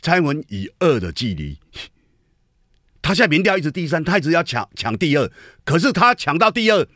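A man's voice: medium pitch, a bit bright, dry recording, studio quality. A man hosting a radio talk show, giving an emphatic political commentary monologue full of rhetorical questions to his listeners. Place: radio studio.

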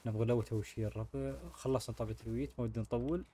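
Man, mid-pitched, casual gamer commentary, noisy track with clicks. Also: fairly even intonation, very fast, warm tone. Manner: chatty, talks to viewers while playing. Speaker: gaming channel host.

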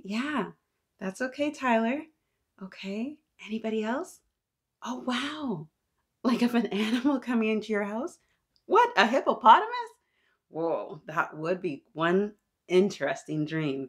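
A slightly rough, low-sitting voice belongs to a woman in her thirties who hosts and reads at a children's storytime. She reads expressively and chats with the young listeners as though they were talking back.

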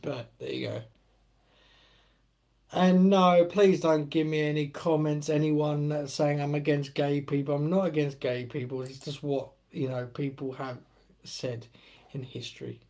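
A man's voice: fairly high pitch, fairly even intonation, unhurried, gravelly, a little mellow. A British man hosting a live stream in a casual, joking way, often laughing as he chats. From United Kingdom. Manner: jokey and joshing, laughing often. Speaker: host.

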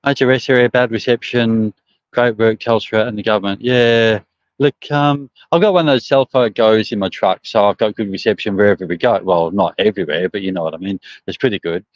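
A middle-aged Australian truck driver with a broad accent livestreams from a service station forecourt, chatting casually with viewers' comments in rambling, hesitant, colloquial talk. His voice is on the low side and fairly quick; the phone, propped about arm's length away, gives a dry, dull, slightly muffled sound.

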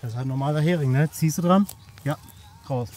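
The speaker is a camping vlogger, a man on the high side in pitch, talking quickly in a slightly mellow voice. He jokes colloquially with the camera and a companion at a riverside campsite, recording on a handheld smartphone that picks up faint outdoor noise.

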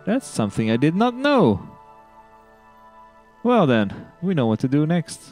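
A man's voice: fairly high pitch, wildly swooping pitch, unhurried, a little mellow, faint music behind. A man hosting a video game let's play, chatting casually and rambling, tripping over his words in a giddy, upbeat mood. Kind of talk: casual gameplay commentary.

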